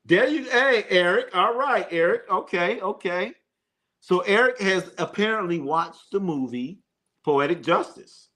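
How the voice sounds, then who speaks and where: A man's voice: high voice, expressive, a little slow, pushed and bright. A man hosting a live sports stream, chatting loosely with viewers and a co-host, joking and using slang with lots of fillers. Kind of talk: casual live stream chat reading comments.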